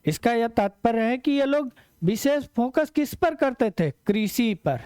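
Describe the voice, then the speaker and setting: A man's voice: very high voice, animated, unhurried, darkish tone, clean tone, no room sound. A man teaching an exam-prep lecture, explaining step by step, repeating key words and asking rhetorical questions.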